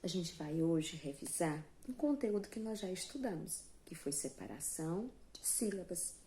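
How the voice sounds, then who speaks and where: A Brazilian primary school teacher gives a slow, sing-song online class for young children, patiently explaining and spelling out words syllable by syllable. Her lowish voice is expressive and dark-toned at a moderate pace, with a little hiss or hum in the audio.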